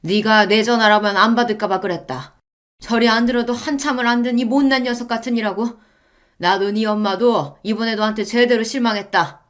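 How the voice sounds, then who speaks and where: A woman's voice: fairly high pitch, steady tone, a little fast, fairly bright tone, pitched above the performer's own voice, lightly acted. A woman voicing a stern older father-in-law who scolds harshly. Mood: scolding.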